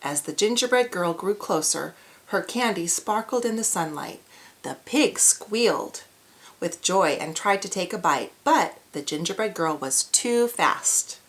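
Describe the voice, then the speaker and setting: A woman's voice: fairly low pitch, expressive, a little slow, a bit bright. A woman reads a picture book aloud to young children. Her delivery is exaggerated and cheery, aimed squarely at little kids, with questions for the listeners along the way. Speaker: storyteller reading to children. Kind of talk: animated children's read-aloud.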